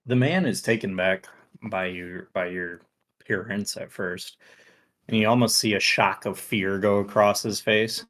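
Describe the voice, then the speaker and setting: A male game master narrating a tabletop game in a fairly low voice. He takes his time, unhurried, and pads his lines with easygoing fillers. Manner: relaxed, with frequent fillers.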